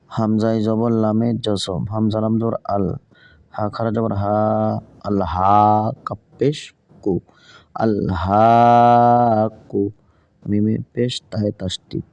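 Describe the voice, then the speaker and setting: Speaking in a lowish, darkish voice with vocal fry and a level tone, a man teaches learners to read the Quran. The audio is dull but free of echo. He spells every word slowly and patiently, letter by letter, before giving a melodic recitation of the verse.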